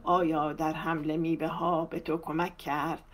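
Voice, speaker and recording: A woman's voice: sits low, little pitch movement, lightly acted. A woman narrator voicing a curious, mildly mocking middle-aged man of the house in an audiobook. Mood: wry. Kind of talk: audiobook character reading.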